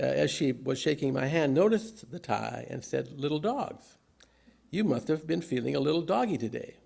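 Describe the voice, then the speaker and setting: An older man with a gravelly, creaky voice delivers a humorous sermon, telling anecdotes from notes in measured, deliberate phrases. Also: mid-range voice, a little mellow. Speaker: preacher.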